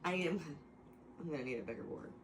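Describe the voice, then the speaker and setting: A woman's voice: deep voice, expressive, fast, reverberant, slight background noise, poor audio. Rambling laughing woman lecturing friends. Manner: rambling, self-interrupting, laughs often. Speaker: host explaining to friends. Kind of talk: casual chat, mock lecture.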